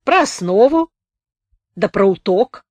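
A woman voicing a puffy-faced wounded soldier, a hoarse man who speaks bluntly and roughly. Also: mid-range voice, animated, takes it slowly, darkish tone, no room sound. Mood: gruff.

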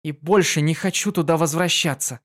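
A man voicing an upset little unicorn filly in an audiobook reading, with a shrill, tearful voice. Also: brisk, natural voice. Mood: sulky. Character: small unicorn filly, hurt and angry.

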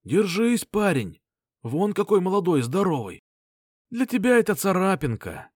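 A man voicing a gruff male fixer who reassures a wounded friend in a hearty way. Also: high voice, big pitch swings, a little slow, no room sound, studio quality, pitched above the performer's own voice, heavily acted. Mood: reassuring.

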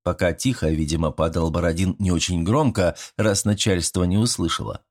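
Low-voiced man, wry audiobook narrator. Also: fairly even intonation, moderate pace. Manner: dry, wry, with ironic asides. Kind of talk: first-person audiobook narration.

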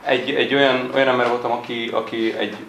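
A man works as a live interpreter of a sermon, speaking in halting phrases and often restarting his words. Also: medium pitch, little pitch movement, fairly bright tone. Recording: echoey room with faint noise.

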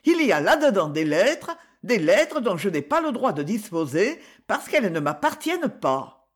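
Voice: mid-range voice, very animated, moderate pace. A reader doing a defiant aristocratic lady. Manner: tense, pleading then firm. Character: resolute aristocratic lady, shaken but defiant. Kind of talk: audiobook character voice.

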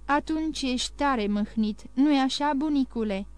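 A woman's voice: high-pitched, smooth, no echo, lightly acted. Woman voicing Valentine, an anxious tender granddaughter. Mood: pleading. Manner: pleading, affectionate questioning. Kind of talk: audiobook reading.

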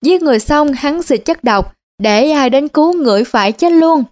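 A woman's voice: sits high, lively intonation, normal speed, a little mellow. A woman voicing a brash, cursing young village militiaman with a Central Vietnamese accent, in a told folk story. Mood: gruff. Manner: blunt, cursing, bossy.

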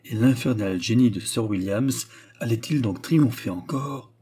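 Narrating a classic novel as an audiobook, this man keeps a steady, dramatic storytelling delivery. His medium-pitched voice is mellow and a little rough.

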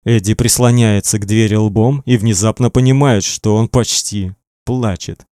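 A man's voice: on the low side, fairly even intonation, moderate pace, dark tone, clear, resonant tone, dry recording, studio quality. A man narrating an audiobook in a tense, dramatic reading.

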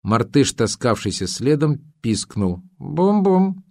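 Low-voiced man reading a novel. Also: expressive, moderate pace, a little mellow, no room sound, studio quality. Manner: dramatic reading with voiced dialogue. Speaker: audiobook narrator. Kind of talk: scripted narration.

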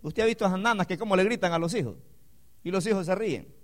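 A man preaching a sermon, calling the congregation "hermano", swinging between loud emphatic declarations and quiet, low asides. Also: fast. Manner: addresses the congregation as "hermano" with call-and-response questions.

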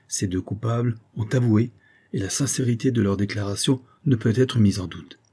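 A man voicing a male investigator who lays out the facts slowly and solemnly, in a storybook reading. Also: on the low side, mellow, husky. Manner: slow, solemn.

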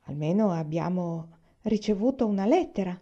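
A woman's voice: fairly low pitch, expressive, normal speed. A woman reading as a practical pioneer mother. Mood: practical, gentle. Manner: gentle but practical. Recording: dull lo-fi recording.

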